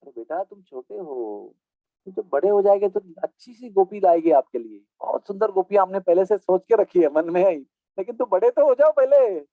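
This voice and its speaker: A man voicing a patient mother who gently coaxes her crying son. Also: sits high, expressive, brisk, no room sound. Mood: coaxing. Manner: soft, coaxing, patient. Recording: tinny phone-like sound.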